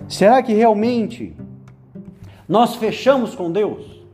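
High-pitched man giving a chatty meditation. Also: animated, takes it slowly, a little mellow, soft background music. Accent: Brazilian Portuguese. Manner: conversational, frequent "né?" tags, playful asides. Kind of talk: spoken meditation for young men.

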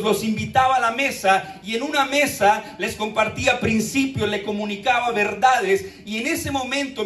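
Male pastor with a high voice; emphatic, repetitive sermon delivery; echoey room. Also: a bit bright, recorded from a distance.

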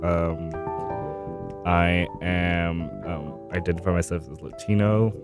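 A twenty-year-old man from Miami answers interview questions in a casual, halting way and keeps reaching for words. His voice is very deep. Guitar music plays clearly behind him. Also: steady tone. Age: 20s. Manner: hesitant, many fillers and "like"s.

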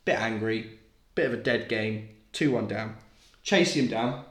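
A man's voice: on the low side, measured pace, fairly bright tone. A young man from England on a podcast, chatting and telling stories, laughing often and acting out scenes. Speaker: podcast co-host. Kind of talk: casual chat. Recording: roomy echo.

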